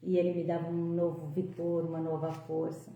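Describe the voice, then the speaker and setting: Echoey, mellow-voiced woman in her sixties. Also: on the low side, monotone, moderate pace. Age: 60s. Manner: emotional, fervent, rising on praise. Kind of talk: devotional talk and prayer. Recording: very echoey room.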